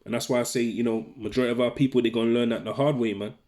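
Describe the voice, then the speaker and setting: A man's voice: medium pitch, steady tone, rapid-fire, darkish tone. A man preaching informally, reading scripture and tagging his lines with "man" and "right?". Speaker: religious teacher.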